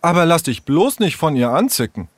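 A man voicing an outspoken, sharp-tongued girl in a storybook reading. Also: a little high, sing-song, a little fast, no room sound, pitched above the performer's own voice. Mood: indignant.

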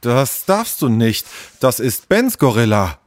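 A man voicing a quiet, strict young boy in a children's story. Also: medium pitch, big pitch swings, no echo, clean studio sound. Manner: slow, firm.

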